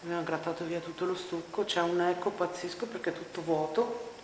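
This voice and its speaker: Woman in a booming empty room. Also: steady tone, fairly quick. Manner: chatty, wry, narrating while working. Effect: loud echo of a bare, emptied room. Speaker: vlogger. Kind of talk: casual home renovation vlog. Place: empty living room under renovation, indoors. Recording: echoey empty room, faint noise.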